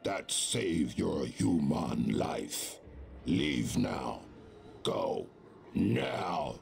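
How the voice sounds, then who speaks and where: An actor playing a brutal, sneering orc chieftain in a fantasy game, guttural and menacing, in broken old-fashioned English. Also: male voice, very deep voice, sing-song, drawn-out words, a little mellow, heavily acted. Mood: grudging, fierce. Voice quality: very gravelly, guttural. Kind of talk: scripted fantasy game dialogue.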